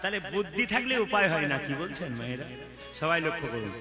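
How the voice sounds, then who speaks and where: Man, kirtan preacher, storytelling, high voice, music in the background. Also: very animated, fast talker. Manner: storytelling, jokes with the audience, leads call-and-response chanting. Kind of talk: devotional stage talk and kirtan. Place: stage program before a live audience.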